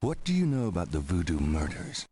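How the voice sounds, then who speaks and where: An actor playing a cool, inquisitive adventure game hero with a casual drawl. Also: male voice, sits low, huge pitch swings, brisk, dark tone, a little hiss or hum. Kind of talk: video game voice acting.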